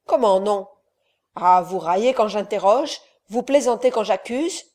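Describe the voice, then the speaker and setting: A woman's voice: a little high, animated, moderate pace, mellow. A woman reading the part of an angry, sardonic nobleman who scolds his son with scornful commands. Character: angry, sardonic middle-aged nobleman father. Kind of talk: audiobook character reading.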